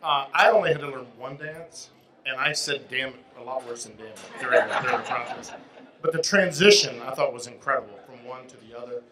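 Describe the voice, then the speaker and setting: A man's voice: mid-range voice, fairly quick, a crowd in the background, rough recording. A man judging a dance performance at a live gala, enthusiastic and chatty. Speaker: judge. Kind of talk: live critique. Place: ballroom at a charity dance gala.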